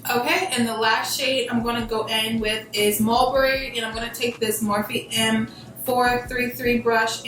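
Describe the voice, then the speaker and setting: With a medium-pitched, slightly bright voice, a young American beauty vlogger casually explains her makeup routine step by step, using slang and plenty of emphasis. Background music accompanies her, and the distant mic picks up a very echoey room.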